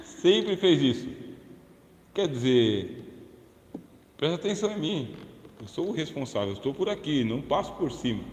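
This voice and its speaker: A Brazilian male pastor preaches in a chatty, joking way, tossing questions out to his listeners. His voice sits a bit on the higher side for a man. The sound carries a long, roomy reverb from the church hall. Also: very animated, normal speed, long pauses. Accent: Brazilian Portuguese. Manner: jokey, chatty, asks the audience questions. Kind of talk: humorous sermon-lecture.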